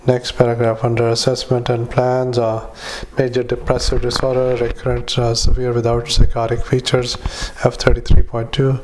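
Man dictating into a dictaphone, flat. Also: mid-range voice, normal speed, hardly any pauses, a little hiss or hum. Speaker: doctor. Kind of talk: medical dictation.

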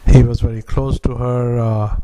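A man who is a doctor, dictating clinical notes into a dictaphone, halting often with drawn-out "uh"s. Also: medium pitch, level tone, warm tone, rough recording. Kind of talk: medical dictation.

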